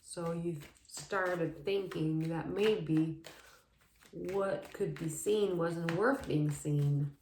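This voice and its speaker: A woman giving a casual, meandering tarot reading, soft and dreamy, often laughing. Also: lowish voice, extremely slow, echoey room, a little hiss or hum. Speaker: tarot reader.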